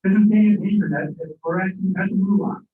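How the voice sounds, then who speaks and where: A man's voice comes through a remote line with a cave-like echo. The audio is thin and tinny like a phone, and his pitch sits high. He talks haltingly and repeats himself. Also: fairly even intonation. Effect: cave-like echo over a remote line. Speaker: remote caller joining the meeting. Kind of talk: casual meeting chat. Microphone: remote phone or conference line.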